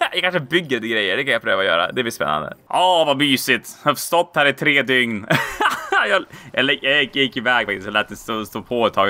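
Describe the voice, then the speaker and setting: Lively gravelly-voiced man gaming. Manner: playful, laughs often, squeals high exclamations. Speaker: let's play gamer. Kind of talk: casual gameplay commentary.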